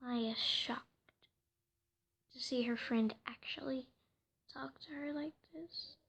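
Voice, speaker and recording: A woman telling a home-made story casually, hesitant and soft, often slipping into whispers, with faint noise behind her. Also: sits high, slow, vocal fry, breathy edge, poor audio.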